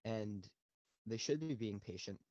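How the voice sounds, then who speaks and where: A young man rambles through his football analysis with plenty of ums and restarts, in a fairly low voice. The sound is dull and lo-fi, recorded dry and close with no room around it. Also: animated, unhurried, dark tone, no echo. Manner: rambling, many fillers and restarts. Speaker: podcast co-host. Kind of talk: casual sports analysis.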